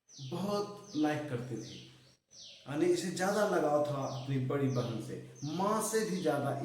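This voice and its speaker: A man's voice: a little high, a little mellow, a little hiss or hum. Man telling a story in an echoey room. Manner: unhurried, with rhetorical asides. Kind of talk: motivational story narration. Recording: echoey room, far from mic.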